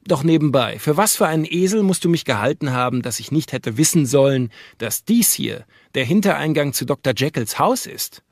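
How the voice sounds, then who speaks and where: A man voicing a wry gentleman friend who talks in a quick, mocking way. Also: a little high, lively intonation, no room sound, clean studio sound.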